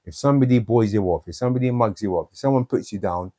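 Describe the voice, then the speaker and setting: Fast and dark-toned, this man's voice sits on the low side and comes through in clean studio quality with no echo. Appearing as a guest in an interview, he tells blunt, streetwise stories about his life, leaning heavily on "you know."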